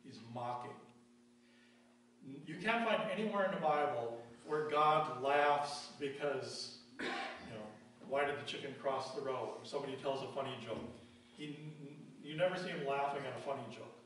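A pastor preaching from the pulpit, his voice ringing through a very echoey church and picked up from some distance. He poses questions and answers them in a falling, quieter tone, and slows down to read verses aloud. A faint hum runs underneath. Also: fairly high pitch. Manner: emphatic preaching, rhetorical questions answered with slow drops in volume; reads verses aloud in a slowed, deliberate cadence. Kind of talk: sermon. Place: church sanctuary.

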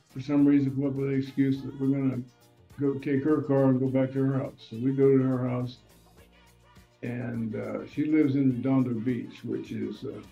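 An older male storyteller with a creaky, medium-pitched voice tells casual, rambling stories in a blunt, profane way. The recording has an echoey room, slightly dull sound, and faint music.

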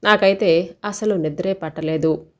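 A woman reading a scripted first-person story in a steady, even storytelling delivery. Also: on the low side, a little slow.

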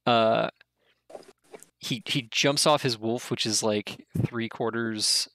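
Over a video call, a man in his thirties acts as game master and narrates a tabletop game, rambling with plenty of fillers and frequent laughter. His voice is medium-pitched and steady, with a pushed, bright quality, and he speaks slowly.

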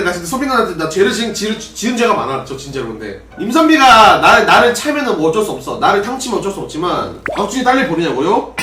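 A man's voice: high voice, pushed and bright, distant mic, a little hiss or hum. A young man with a Gyeongsang accent, a former pro gamer chatting casually with his viewers on a solo drinking livestream and answering their questions. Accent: Gyeongsang Korean. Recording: roomy livestream audio with faint music.

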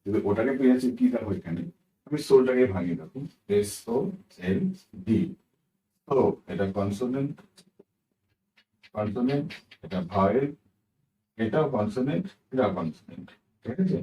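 A man's voice: mid-range voice, dark tone, echoey room, distant mic, rough recording. A man teaching English pronunciation, who spells words out letter by letter and keeps checking with "right?". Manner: repeats words slowly, asks "right?" often. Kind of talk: explaining a lesson, spelling out words.

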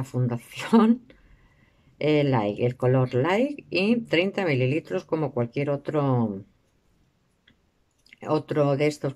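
A woman's voice: low-pitched, darkish tone. A woman in a casual product review vlog, chatty and full of fillers, talking to her viewers as girls. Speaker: beauty and shopping vlogger.

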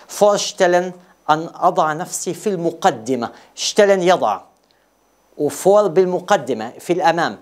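A native Arabic speaker from Jordan, carrying a Jordanian Arabic accent, teaches a bilingual beginner language lesson, carefully repeating phrases for learners. His voice is a little high.

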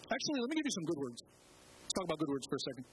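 A man giving an animated spoken-word talk at an open mic, with dramatic pauses and sudden jumps in pitch for emphasis. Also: a little hiss or hum, rough recording.

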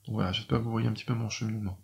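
Speaking very fast in a lowish, flat, creaky and slightly mellow voice, a middle-aged French doctor-poet tells viewers how he writes classic Chinese verse. His explanation is hesitant, full of filler words and restarts.

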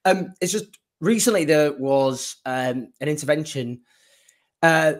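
A man's voice: a little high, a little slow. A man hosting a political interview, thinking aloud as he frames long questions. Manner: conversational, thinking aloud while framing questions. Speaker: host, interviewer.

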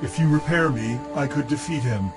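An actor voicing a loyal, broken mechanical dragon in a video game, with a formal, respectful delivery. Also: male voice, mid-range voice, moderate pace, over music, close to an everyday voice. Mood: earnest.

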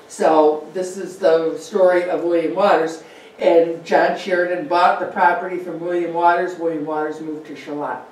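Speaking at a normal speed with a steady, darkish tone on the low side, a woman gives a chatty local history talk with slides, fillers and asides. The meeting room has a projector, and the distant room mic captures a very echoey sound with a little hiss or hum.

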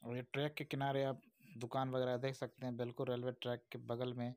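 A man's voice: mid-range voice, monotone, fast talker, darkish tone, no room sound. A man in his thirties narrating a casual travel vlog on a train, chatting to viewers as friends while filming at arm's length. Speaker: travel vlogger. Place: train station and moving train, outdoors and by open window. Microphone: handheld action camera at arm's length. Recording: dull lo-fi sound with train noise.

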